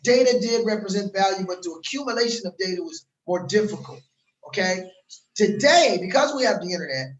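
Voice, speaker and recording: High-voiced man giving a hard-sell vlog. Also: reverberant, rough recording. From Los Angeles. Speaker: crypto course promoter. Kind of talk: casual vlog pitch. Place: outdoors in a warm place.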